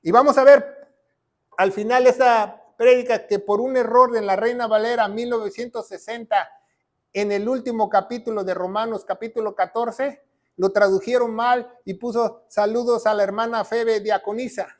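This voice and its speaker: A man's voice: sits high, steady tone, moderate pace. A man pastor delivering a teaching sermon at a whiteboard, emphatic, repeating key phrases and checking in with his listeners.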